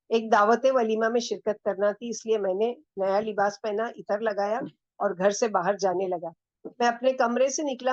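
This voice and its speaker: A woman's voice: fairly high pitch, no echo. A woman Islamic teacher with a Pakistani Urdu accent, telling a first-person moral story as a lecture and stopping now and then to ask her listeners questions. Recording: dull, dry lo-fi recording.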